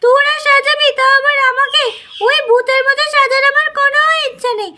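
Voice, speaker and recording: A woman's voice: extremely high pitch, flat delivery, brisk, heavy background noise. A woman voicing chattering, pleading little girls in a doll play story, with a singsong, playful way of talking. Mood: bossy.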